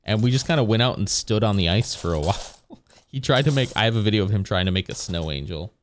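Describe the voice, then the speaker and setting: A man's voice: on the low side, expressive, quick pace, a little hiss or hum. A man streaming live, chatting casually and rambling with his viewers, chuckling often as he goes.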